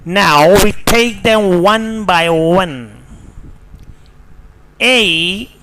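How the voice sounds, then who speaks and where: Casting: male English teacher with a Pakistani accent, higher voice, very slow and deliberate delivery, noisy recording. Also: sharp tone. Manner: slow and deliberate, spells words letter by letter. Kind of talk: scripted pronunciation lesson.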